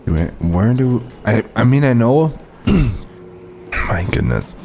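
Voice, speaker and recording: A man with a rough morning voice giving halting, unsure commentary while he plays a game. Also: mid-range voice, sing-song, a little mellow, a little hiss or hum. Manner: halting, unsure, lots of fillers. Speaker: gamer.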